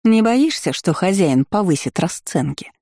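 A woman's voice: fairly low pitch, big pitch swings, a little slow, mellow, dry recording, studio quality, heavily acted. A woman voicing a spiteful, scheming female spider spirit who hisses venomously, in an audiobook. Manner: hissing, venomous.

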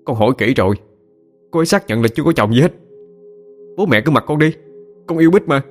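A man's voice: fairly high pitch, lively intonation, quick pace, soft background music, voice pushed up. A man voicing a young man in his twenties who pleads and defends himself to his parents. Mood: earnest.

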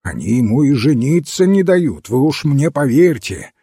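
A man's voice: medium pitch, big pitch swings, normal speed, mellow, slightly rough, no echo, clean studio sound. A man doing a blustering outraged newspaperman. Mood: indignant. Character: indignant ranting male newspaperman, blustering.

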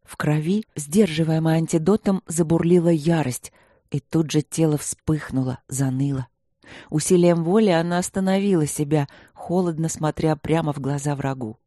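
Audiobook narrator, steady narration, dark mellow tone, dry sound. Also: medium pitch, moderate pace, dry recording. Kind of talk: scripted narration.

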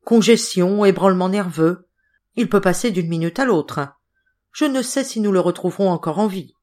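A woman's voice: medium pitch, moderate pace, a little mellow, natural voice. A woman reading the part of a worn, distressed young man who speaks urgently. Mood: grave.

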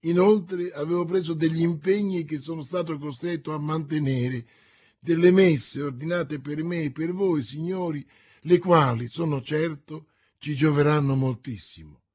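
A refined and fastidious young musketeer with a polite, pious air, as a male reader puts him on. His slightly high, husky voice fits a storybook reading. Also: darkish tone.

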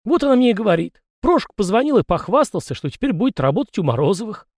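A man's voice: high voice, big pitch swings, quick pace, darkish tone, no room sound, studio quality, voice pushed up, full character voice. A man voicing a fussy, garrulous male household spirit who talks in rustic folksy speech. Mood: gossipy.

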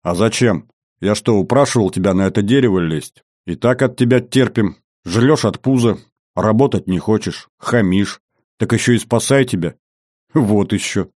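A man voicing a stern grown warrior who speaks in a calm, mocking tone. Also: on the low side, a little slow, hardly any pauses, breathy edge, no echo, clean studio sound, full character voice.

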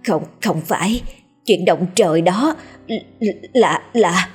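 A woman's voice: lowish voice, takes it slowly, slightly rough, faint music behind, full character voice. A woman voicing a flustered third wife who stammers and wails in distress. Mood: breathless. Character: panicky, tearful third wife.

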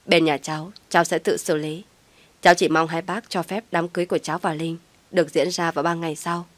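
Woman narrator as a young man, guilty, choked, formal, low voice, dry sound. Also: flat delivery, brisk, no room sound, close to an everyday voice. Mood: subdued.

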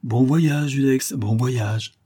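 A man's voice: medium pitch, animated, moderate pace, mellow, slightly rough. A man voicing a vengeful female adventuress, sneering and strained with hate. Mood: gloating.

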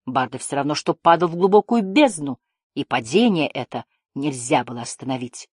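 Woman audiobook narrator, deep voice, dry close sound, measured storytelling. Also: animated, a little mellow, husky, no echo. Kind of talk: scripted narration.

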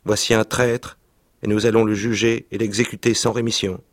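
A man reading aloud and voicing an angry boy gang leader who accuses a traitor, loud and indignant. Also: on the low side, flat delivery, normal speed, dry recording, studio quality, lightly acted. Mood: solemn.

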